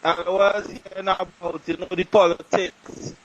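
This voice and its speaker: A man calling in to a talk show, speaking in halting, trailing phrases over a line that echoes his own voice back. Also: high-pitched, flat delivery, fairly bright tone, muffled recording. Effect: echoing call line, own audio fed back from a second device. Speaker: caller. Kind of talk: call-in talk show chat.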